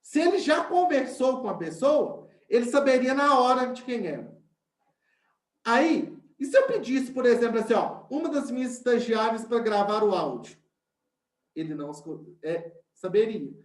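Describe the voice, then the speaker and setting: A man's voice: very high-pitched, lively intonation, normal speed. Male teacher, explains step by step and often checks that the class follows, in a roomy echoey space. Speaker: science teacher. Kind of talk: online class lesson.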